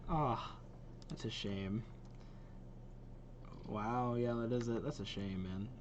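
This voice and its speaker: Reacting to game trailers in a casual vlog, the host speaks slowly in a medium-pitched voice, with slight background noise. He's informal and enthusiastic, though he hesitates at times.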